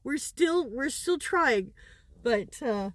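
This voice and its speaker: Giggly older woman telling a story slowly. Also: sits high, expressive, fairly bright tone, no echo. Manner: giggly, laughs through her story. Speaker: grandmother vlogger. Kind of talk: casual storytelling.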